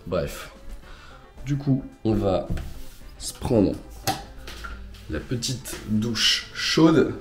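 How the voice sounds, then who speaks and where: Hoarse, groggy man in an echoey room. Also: fairly low pitch, sing-song, extremely slow, pauses often, over music. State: hoarse, congested from a cold. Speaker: vlogger. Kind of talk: casual morning video diary.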